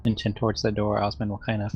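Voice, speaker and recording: A man's voice: fairly low pitch, completely flat delivery, fast, muffled recording, a little hiss or hum. A man playing a tabletop role-playing game, speaking hesitantly and joking about his own attempts. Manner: hesitant, self-deprecating. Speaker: player.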